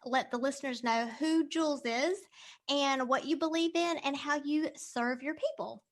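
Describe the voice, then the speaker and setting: A woman's voice: sits high, normal speed. A woman hosting a podcast, interviewing a guest in an enthusiastic, affirming way. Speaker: podcast host.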